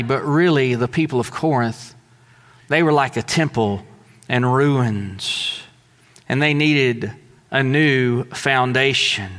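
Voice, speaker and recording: In a church sanctuary, a pastor from Southeast Texas delivers a loose, conversational sermon in a high-pitched, bright, pushed voice. The long reverb of a large church hall surrounds his words.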